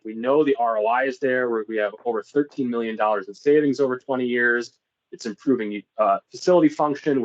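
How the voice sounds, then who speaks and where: A man's voice: mid-range voice, highs cut off. A man giving an informal business presentation in an explanatory, conversational way.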